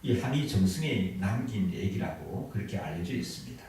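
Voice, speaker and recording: A man's voice: deep voice, lively intonation, moderate pace, mellow, very echoey, distant mic, rough recording. A man preaching a sermon as a pastor, telling a story and asking the congregation questions. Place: church sanctuary.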